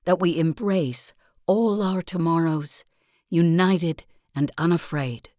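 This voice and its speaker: A female sect leader with a low voice performs a scripted video game monologue for a strategy title, speaking as a zealous self-help guru who preaches with calm, unwavering certainty in her creed. Her delivery is slow, deliberate, and sermon-like, with a solemn, inspiring mood. The sound is close, dry, slightly mellow, and free of echo.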